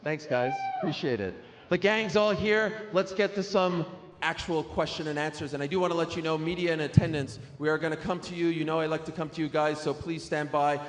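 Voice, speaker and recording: A man's voice: fairly high pitch, steady tone, brisk. Upbeat man moderating in echoey hall. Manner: upbeat, chatty, playful. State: losing his voice. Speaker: press conference host. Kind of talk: press conference moderating, hype introductions. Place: large echoey press room. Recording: echoey hall, faint ambience.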